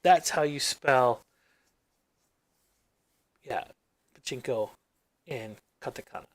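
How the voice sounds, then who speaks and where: A native English-speaking man hosts his own gaming channel, giving casual screen-recording commentary as he works on his screen. Speaking slowly in a mid-range voice, he thinks aloud, rambles and trails off into mumbles. The recording is dry.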